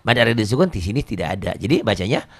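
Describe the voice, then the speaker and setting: A middle-aged man, teaching Quran reading in a casual, joking way, often repeating words and reciting verses slowly. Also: on the low side, big pitch swings, fairly bright tone.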